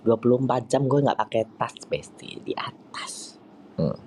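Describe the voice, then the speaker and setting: A man chatting casually on a live stream, answering viewer comments in a playful, teasing way with sudden high squeaky outbursts. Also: sing-song, normal speed, darkish tone, slight background noise. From East Java, Indonesia.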